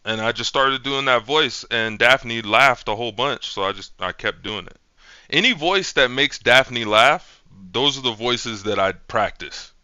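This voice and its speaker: A man's voice: medium pitch, a little slow, sharp tone, smooth, no echo, dull audio. A man hosting his own channel, chatting casually in a loose, profane, rambling way. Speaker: channel host. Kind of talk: casual chat.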